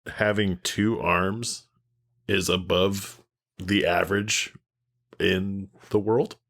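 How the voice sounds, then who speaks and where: A man co-hosts a casual podcast in a relaxed, easygoing way and laughs often. His voice sits very low and carries a gravelly fry. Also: slow. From United States. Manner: laid-back, laughs often, agreeable. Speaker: podcast co-host. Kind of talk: casual chat.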